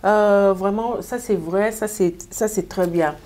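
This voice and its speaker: Woman interviewer, warm tone, encouraging manner. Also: mid-range voice, fairly even intonation, slow pace. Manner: encouraging, frequent short affirmations. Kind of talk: casual interview, mixing Lingala and French.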